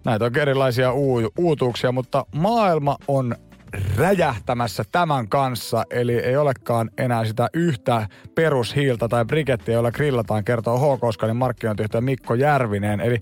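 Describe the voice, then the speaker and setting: A man's voice: mid-range voice, faint music behind. A man co-hosting a radio show, reading out jokes and news in casual banter with a dry delivery. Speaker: radio co-host.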